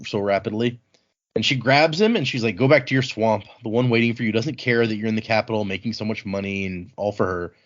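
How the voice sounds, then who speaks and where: A man with a lowish, slightly bright voice and cut-off highs co-hosts a book podcast, leading a read-along. He retells the story in casual, colloquial chat, acting out dialogue by paraphrasing the characters' lines.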